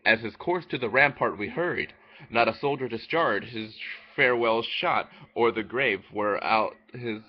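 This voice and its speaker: Here a young vlogger in his twenties stumbles through a read-aloud, halted by a speech jammer, inside a small room near a window. He speaks at medium pitch and moderate pace, repeating words and restarting partway through them, and the sound is lo-fi.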